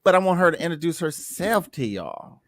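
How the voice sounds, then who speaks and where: A man's voice: on the high side, sing-song, a little fast, a bit bright. A man hosting a podcast in casual chat, telling stories with a laid-back, joking manner. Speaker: podcast host.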